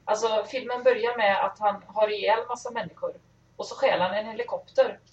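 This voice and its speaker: A woman's voice: mid-range voice, steady tone. Opinionated woman talking a bit far from the mic, echoey, dull lo-fi, faint hiss. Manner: blunt, opinionated, laughing. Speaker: podcast co-host. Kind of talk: casual chat. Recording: distant, roomy, lo-fi sound with faint noise.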